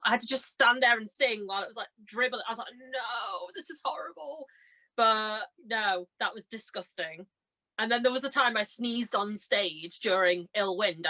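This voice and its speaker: With a slightly high voice, a young adult woman trades anecdotes in a casual podcast chat, where she is a guest and a stage and radio drama performer. She tells her stories with animated, giggly self-deprecation, acting out snippets of dialogue.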